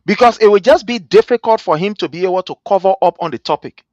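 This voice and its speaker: A man with a Liberian accent hosting a livestream panel, speaking in a lively, rhetorical way and calling panelists brother. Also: high-pitched, quick pace, dry recording, dull audio. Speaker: host.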